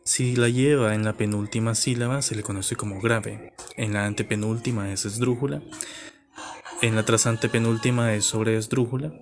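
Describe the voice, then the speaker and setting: A man's voice: on the low side, steady tone, moderate pace. A man teaching a lesson, explaining patiently step by step and checking in with his listeners.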